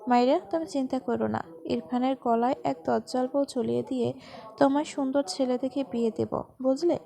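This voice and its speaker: A woman's voice: sits high, steady tone, moderate pace, creaky, mellow. A woman reading the lines of a playful, teasing young grandson in a storybook tale, with a joking, cheeky manner.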